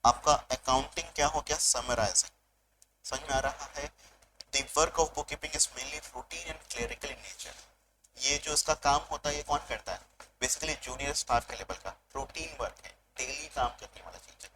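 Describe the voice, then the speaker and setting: A male commerce teacher giving a revision lecture, mixing Hindi and English, asking questions and answering them himself, and reading out definitions slowly. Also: medium pitch, background noise. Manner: switches between Hindi and English mid-sentence. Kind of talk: online exam revision lecture.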